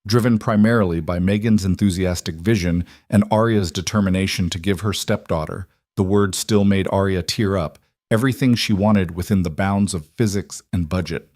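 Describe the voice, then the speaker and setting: A man narrating a scripted story in an even, measured reading. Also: low-pitched, dry recording, studio quality.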